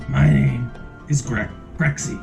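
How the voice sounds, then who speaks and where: A man's voice: medium pitch, fairly even intonation, measured pace, gravelly, music in the background. A man voicing a male rock gnome adventurer in a tabletop game, answering in an easygoing, agreeable way. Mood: friendly.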